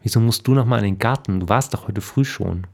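A man's voice: on the low side, fairly quick, vocal fry, darkish tone. A man voicing a nagging older wife who keeps asking the same questions in a storybook reading.

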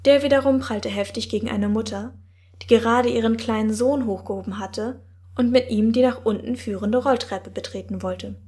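A woman narrating a first-person fantasy audiobook in a wry, measured manner. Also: fairly high pitch, darkish tone.

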